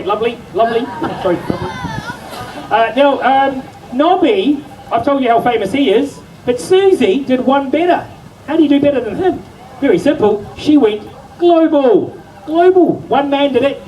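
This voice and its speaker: A man's voice: very high voice, darkish tone, slight background noise. A middle-aged man presenting a live sheep show, joking and hyping the crowd. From New Zealand. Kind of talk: live stage show patter. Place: outdoor county show stage. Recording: far from mic, music playing.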